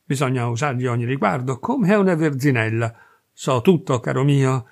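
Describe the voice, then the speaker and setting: A man's voice: medium pitch, expressive, normal speed, vocal fry. A male reader voicing a brash, mocking freethinking Parisian man who talks boastfully and scornfully.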